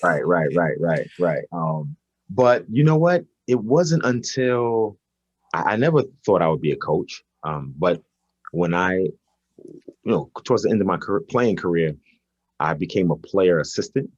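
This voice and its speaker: A Brooklyn basketball coach in his 40s answers interview questions conversationally, hesitating and repeating words as he thinks. His low voice swings widely in pitch, moves a little slowly, and carries a breathy edge. The lo-fi recording has no echo.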